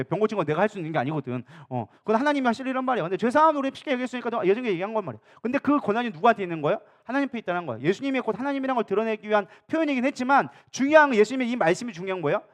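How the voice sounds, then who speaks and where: Fast-talking high-voiced male pastor. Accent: Korean, Daejeon area. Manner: asks the congregation questions and answers them himself; acts out quoted speakers in a changed voice. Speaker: co-senior pastor. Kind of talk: sermon. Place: church sanctuary.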